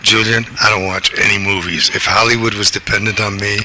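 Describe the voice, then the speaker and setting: A man's voice: fairly low pitch, little pitch movement, brisk, background noise. A man in casual radio studio chat, plain-spoken and joking. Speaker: show staff member.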